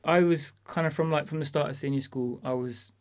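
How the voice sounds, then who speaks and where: A man speaks at an ordinary, middle pitch in an easygoing, conversational way. He drops into casual slang and trails off now and then while remembering. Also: brisk, clear, resonant tone. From England. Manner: relaxed, uses slang, hesitant with fillers. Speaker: author and performance poet.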